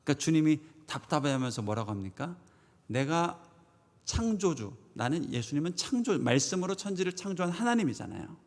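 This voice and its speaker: A pastor preaching a Sunday sermon, swinging from loud proclamations to hushed asides and asking the congregation rhetorical questions. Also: male voice, fairly high pitch, lively intonation, fast talker, hardly any pauses. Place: church sanctuary. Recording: long church reverb.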